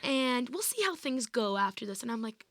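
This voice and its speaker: A woman's voice: fairly high pitch, big pitch swings, normal speed, a bit bright, no room sound. A woman in her twenties, a guest on an interview podcast, recounting her experiences casually with lots of "like" and "I was like". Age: 20s. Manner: retells events with frequent "like" and "I was like". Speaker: podcast guest, varsity athlete.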